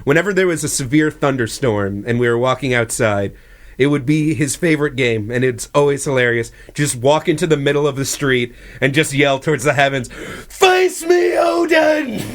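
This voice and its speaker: A man's voice: mid-range voice, fairly quick. A man, a comedian co-hosting a casual podcast, trading dry jokes. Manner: dry joking banter.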